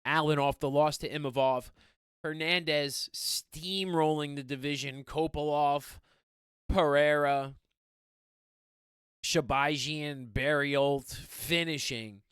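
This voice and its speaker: Young male host, excitable, slangy, rambling; slightly high, smooth voice, dry close mic. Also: slow, dry recording. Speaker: MMA fight picks host. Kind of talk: casual fight preview monologue.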